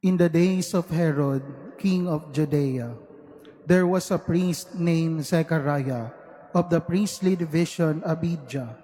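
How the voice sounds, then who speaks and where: Male priest, higher-set voice, solemn slow scripture reading, ringing cathedral echo. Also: dark tone. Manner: measured, deliberate phrasing. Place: large cathedral, microphone through sound system. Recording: cathedral echo, long reverb.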